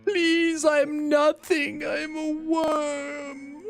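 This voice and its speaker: A woman's voice: on the high side, lively intonation, slow pace, soft background music, voice pushed up. A woman doing a wailing, sobbing undead knight. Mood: wailing, cowering. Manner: wailing, sobbing, self-pitying.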